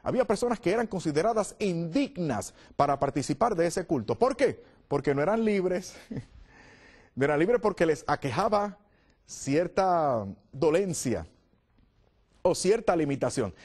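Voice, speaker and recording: A man's voice: fairly high pitch, darkish tone. A man preaching a sermon, telling the story with drama and acting out the voices of the crowd.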